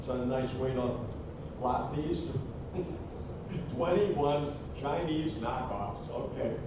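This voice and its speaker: A man working as an auctioneer at a live sale, calling bids in a repetitive chant of numbers. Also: slow. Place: large echoey room at a live auction. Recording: echoey noisy hall, distant mic, rumble.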